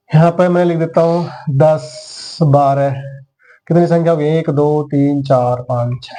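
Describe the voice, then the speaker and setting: A man's voice: a little high, mellow. A man teaching maths who talks students through each step and counts the items aloud. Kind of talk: classroom lesson.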